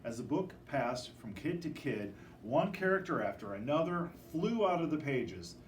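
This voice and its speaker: Expressive male storyteller, animated, distant mic. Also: on the high side, normal speed, roomy sound. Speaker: storybook reader. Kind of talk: children's picture book read-aloud. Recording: distant microphone with faint background noise.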